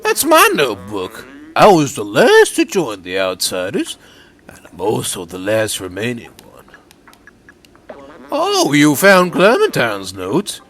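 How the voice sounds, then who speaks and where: A man's voice: medium pitch, huge pitch swings, slow pace, a bit bright, full character voice. A man voicing a lonely, despondent male robot in a mournful old-man voice, reading game dialogue aloud. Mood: wistful.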